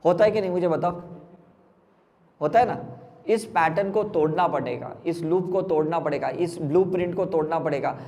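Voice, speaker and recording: A man's voice: on the high side, normal speed, mellow, in a large hall. Emphatic man quizzing his audience. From India. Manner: keeps asking the audience rhetorical questions, emphatic. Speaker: spiritual healer giving a talk. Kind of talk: motivational talk to a live audience.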